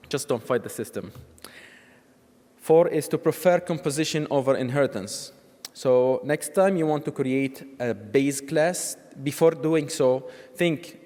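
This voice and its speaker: A man's voice: medium pitch, a little mellow. Man from Syria giving a tech talk. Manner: explanatory, with frequent fillers and restarts. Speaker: conference speaker. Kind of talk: technical conference talk. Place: large conference hall. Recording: long hall reverb.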